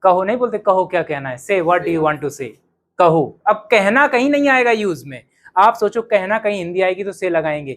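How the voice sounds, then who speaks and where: A man teaching English to a class, calling out phrases loudly for students to repeat in a drill. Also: high-pitched, lively intonation, normal speed. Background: students' voices.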